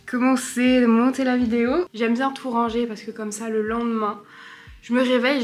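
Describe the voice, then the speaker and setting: A young woman chatting casually to camera in her apartment, rambling with self-mocking asides. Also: on the high side. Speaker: vlogger. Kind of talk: casual home vlog. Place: apartment living room.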